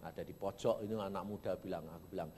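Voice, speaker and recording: A male pastor preaching a sermon in a church, with a Javanese-influenced Indonesian accent and animated storytelling that swings from loud to low. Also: fast talker, in a large hall, a little hiss or hum.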